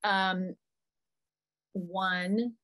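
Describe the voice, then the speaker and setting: A middle-aged woman psychologist is presenting a parent webinar over a video call from a small room, using her computer mic. Her mid-range voice moves extremely slowly, but she's talkative and animated, chatting through parents' questions as they come in from the chat.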